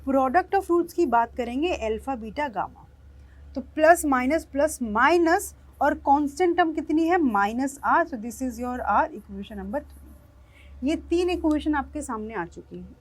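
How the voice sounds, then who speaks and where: High-voiced woman teaching maths. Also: lively intonation, measured pace. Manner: explains step by step, often checks whether students have understood. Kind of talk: classroom lecture.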